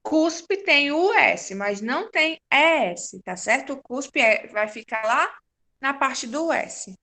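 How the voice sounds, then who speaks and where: A woman teacher, giving a patient, slow-paced class to young children and confirming their answers. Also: high-pitched, animated, pushed and bright. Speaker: primary school teacher.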